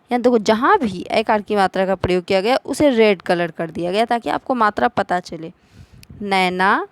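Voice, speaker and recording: Woman teacher going real slow, sounding out words bit by bit for small kids, dry close voice. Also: medium pitch, no room sound. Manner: slow, syllable-by-syllable spelling out of words; patient, repeats and checks with "ठीक है" and "है ना". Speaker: primary school Hindi teacher. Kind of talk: online class lesson.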